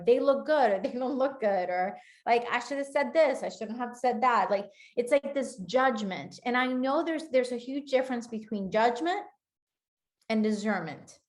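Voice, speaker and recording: A woman with a Spanish accent gives a channeled spiritual talk in an earnest, flowing way, often slowing down to stress words. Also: a little high. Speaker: spiritual teacher.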